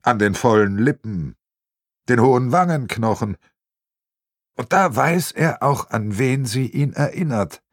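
Male narrator, crime audiobook, wry, varied pitch, dry booth. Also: unhurried, no echo. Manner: lively, wry storytelling. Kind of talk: scripted crime novel narration.

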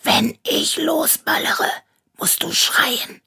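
A woman's voice: very deep voice, expressive, slow, fairly bright tone, husky, full character voice. A woman reading aloud, voicing a cocky young boy who plays sheriff and often speaks in a conspiratorial whisper.

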